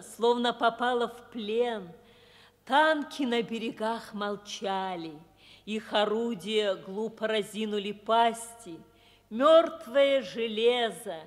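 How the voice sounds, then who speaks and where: A woman voicing a slow, solemn river in an old radio play. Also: a little high, in a large hall. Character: river speaking, calm and proud.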